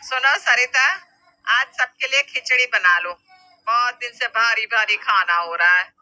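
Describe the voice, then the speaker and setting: A stern middle-aged mother-in-law from an animated storybook, loud and sharp-tongued, as a woman narrator puts her on. Her voice is bright and piercing and sits a little high. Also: measured pace, muffled recording. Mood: scolding.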